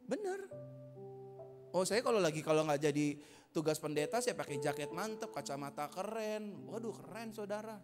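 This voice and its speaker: A man preaches a lively, joking sermon, dropping English phrases into his talk and climbing into loud, high exhortations. His voice sits high for a man. The sound carries the long reverb of a church auditorium, with instrumental music playing clearly beneath him. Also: a little fast. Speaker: pastor. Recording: hall reverb with music behind.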